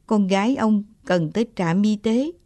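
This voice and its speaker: A woman narrating an audiobook short story at a calm, measured pace. Her voice sits in a middle register. The sound is dry and close. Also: mid-range voice, no echo.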